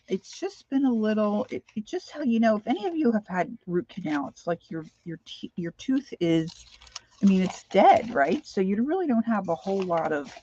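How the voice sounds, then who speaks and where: A woman's voice: mid-range voice, warm tone, a little hiss or hum. A middle-aged American woman chatting casually and ramblingly on a livestream, with slightly lisped speech from missing teeth. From Pennsylvania, United States. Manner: rambling, chatty, addresses viewers by name. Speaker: craft livestream host. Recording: dull, lo-fi sound.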